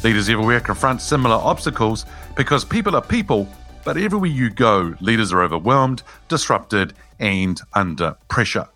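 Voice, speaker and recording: A man's voice: fairly low pitch, lively intonation, fairly quick, pushed and bright, soft background music. A man hosting a podcast, reading an upbeat opening and welcoming a guest. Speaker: podcast host. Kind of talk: scripted opening, then interview.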